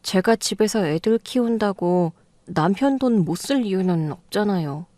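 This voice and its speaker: A woman's voice: mid-range voice, mellow, no echo, natural voice. A woman voicing an eldest daughter-in-law in an audio drama, earnestly justifying herself.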